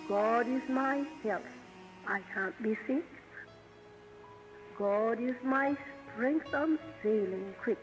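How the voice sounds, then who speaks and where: A woman's voice: on the high side, poor audio. Older woman's prayer from an old recording. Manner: slow, measured recitation. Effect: old archival recording played back. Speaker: prayer leader. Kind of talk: recited rhyming prayer.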